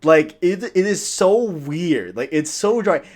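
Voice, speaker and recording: A man's voice: on the high side, animated, slow pace, a little mellow. A man co-hosting a casual gaming podcast, talking animatedly in long runs full of "like" and "right?". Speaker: podcast co-host.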